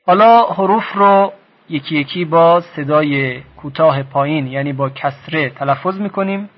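Man sounding out letters on an old tape. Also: on the high side. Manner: slow, deliberate, sounding out letters one by one; polite and formal toward listeners. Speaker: Quran reading teacher. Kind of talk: taped instructional lesson. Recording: dull lo-fi cassette tape recording.

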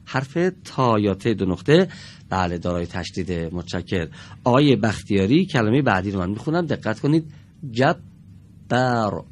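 A man teaching a televised classroom lesson in a studio, patient and encouraging with the pupils, drawing out each example word slowly and deliberately. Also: on the low side, lively intonation, a little hiss or hum.

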